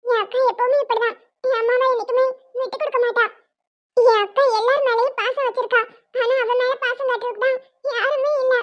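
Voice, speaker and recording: Woman voicing a little cartoon boy, earnest, pleading, very high squeak, muffled lo-fi. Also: fairly even intonation, fairly quick. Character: small loyal boy, defends his sister. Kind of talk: cartoon voice acting. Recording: dull lo-fi sound.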